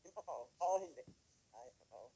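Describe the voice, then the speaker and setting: A man from the Philippines giving an emotional personal testimony to a live audience, firing rhetorical questions at the crowd and swinging between loud emphatic lines and hushed ones. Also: mid-range voice, expressive, normal speed, creaky, slightly rough, poor audio. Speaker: motivational speaker at a company event.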